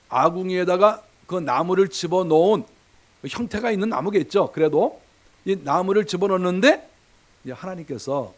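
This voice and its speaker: A man preaching a sermon as pastor, animated, acting out quoted voices and swinging between loud and quiet. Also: sits high. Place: church sanctuary.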